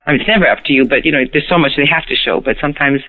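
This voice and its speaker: A middle-aged Canadian actress whose first language is Hungarian chats as a guest in a casual interview over a tinny phone line. Her voice is deep and her delivery rapid-fire; she's lively, laughs often, and repeats words as she begins her sentences.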